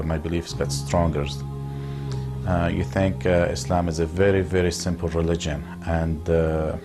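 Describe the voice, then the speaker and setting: A man born and raised in Lebanon talks about his life in a deep, low voice. He speaks slowly and thoughtfully, filling pauses with "uh." Music plays clearly under his words. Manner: measured, with frequent pauses and fillers. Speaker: interviewee, businessman. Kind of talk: reflective interview talk.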